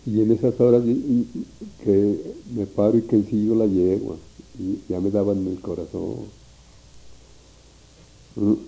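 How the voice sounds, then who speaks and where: A man's voice: fairly low pitch, steady tone, unhurried, gravelly, long pauses, warm tone, rough recording. A man telling a meandering, folksy story from his past. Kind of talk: oral history recollection.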